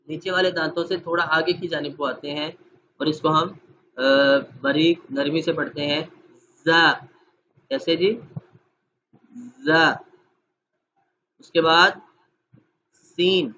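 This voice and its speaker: A patient male teacher, drilling letter sounds in an online training class. His voice sits a little high and rings bright and forceful. The audio is slightly dull, with faint noise behind. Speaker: Quran recitation teacher.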